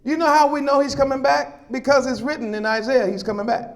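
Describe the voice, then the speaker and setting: Preacher man going hard, real high voice, asks the crowd to talk back. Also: level tone, a little fast. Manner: emphatic, calls for talk-back from congregation. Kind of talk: sermon.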